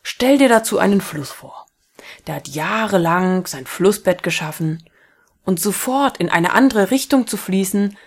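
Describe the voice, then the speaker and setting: A patient geography teacher from a storybook, read by a woman in a calm, firm explaining voice. The tone stays breathy. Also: on the low side, full character voice.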